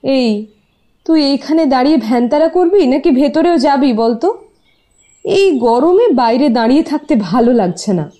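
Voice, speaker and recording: A woman's voice: medium pitch, very animated, takes it slowly, long pauses, dark tone. A woman playing a playful, bossy young college student in an audio drama, teasing her friend. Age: young adult.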